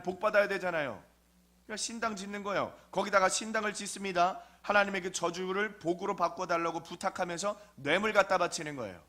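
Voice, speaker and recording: A man's voice: sits high, bright, forceful tone. A man preaching a sermon in a conversational storytelling way, often asking his listeners questions. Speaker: pastor.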